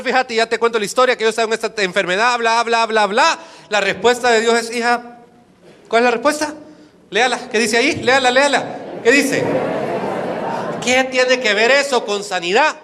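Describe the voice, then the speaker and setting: High-voiced man preaching a sermon. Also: sharp tone. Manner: preaching with questions to the congregation. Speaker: pastor. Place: church.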